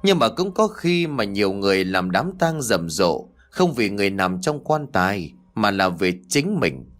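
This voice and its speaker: A man's voice: on the low side, big pitch swings, moderate pace, fairly bright tone, soft background music, pitched below the performer's own voice. A man voicing an older male hired funeral mourner, talking in a reflective, confiding way. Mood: calm.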